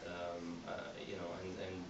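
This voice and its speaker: A man from Egypt giving a candidate speech to a community group, talking in a halting way with many fillers and restarts. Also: low voice, monotone, muffled recording. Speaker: board candidate. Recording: roomy hall, mic at a distance, background noise.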